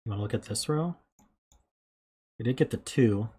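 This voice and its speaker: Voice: medium pitch, expressive, moderate pace, dark tone, husky. A streamer thinking aloud while working through a puzzle, musing in self-questions and correcting themself in casual commentary. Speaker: live streamer.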